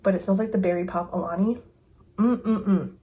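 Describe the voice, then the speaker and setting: A woman's voice: mid-range voice, normal speed, mellow. A woman in her thirties chatting casually at home as she reviews fragrances, thinking aloud with giggles and a phone mic. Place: home bedroom with dresser.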